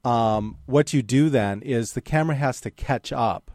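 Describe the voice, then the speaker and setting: A man on a call-in radio show, explaining patiently with plenty of pauses and fillers. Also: mid-range voice, no echo, studio quality. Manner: explanatory, relaxed, many fillers. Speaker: radio guest expert on photography. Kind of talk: casual call-in radio chat. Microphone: studio microphone.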